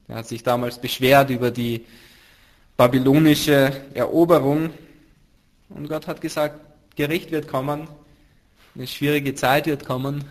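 Earnest man preaching a Bible study. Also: mid-range voice. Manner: emphatic, swinging between loud stresses and hushed drops. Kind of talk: sermon-style Bible teaching.

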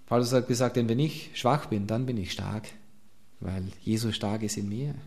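A man preaching a sermon, earnest and emphatic, asking his listeners direct questions and dropping to a quiet voice at times. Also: fairly low pitch, normal speed, vocal fry.

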